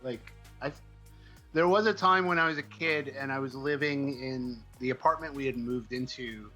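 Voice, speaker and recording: Over soft background music, a Midwest-born comic book writer shares casual stories as an interview guest, meandering and hesitant. He has a medium-pitched voice with a sharp tone and keeps a moderate pace.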